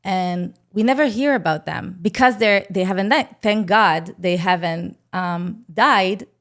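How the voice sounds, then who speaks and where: A woman with an Israeli accent hosting a podcast, asking gentle, probing questions of her guest. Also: mid-range voice, unhurried. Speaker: podcast host. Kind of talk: interview conversation.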